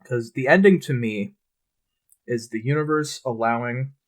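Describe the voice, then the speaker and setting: A man co-hosting a podcast in casual chat, relaxed and swearing freely. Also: medium pitch, a little slow. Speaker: podcast co-host.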